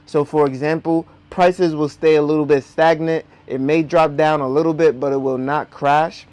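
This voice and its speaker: A man's voice: fairly high pitch, steady tone, normal speed, darkish tone, dry recording. A man speaking with dental braces that slightly impede his articulation, explaining things to viewers as a video host. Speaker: host of a personal finance video.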